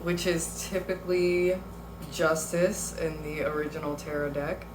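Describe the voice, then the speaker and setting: Woman doing a tarot reading, low voice, slow and chatty, lots of um and laughing. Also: steady tone, reverberant, noisy background. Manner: chatty, laughs easily, many fillers. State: has the hiccups. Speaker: tarot reader. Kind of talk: casual spoken tarot reading.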